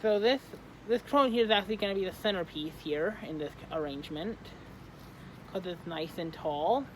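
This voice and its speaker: An eighteen-year-old from Michigan hosting a casual how-to vlog, often halting and correcting themselves mid-sentence. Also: medium pitch, a bit bright, slight background noise, rough recording. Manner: halting, self-correcting, trailing off. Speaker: plant arrangement seller and video host.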